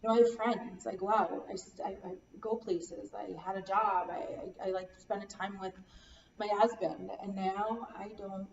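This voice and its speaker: A woman playing a counseling client, talking in a halting, weary, despondent way and repeating herself. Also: medium pitch, fairly even intonation, gravelly. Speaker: role-play client in a counseling practice session. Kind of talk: acted counseling role-play. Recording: echoey room, distant dull mic, faint hiss.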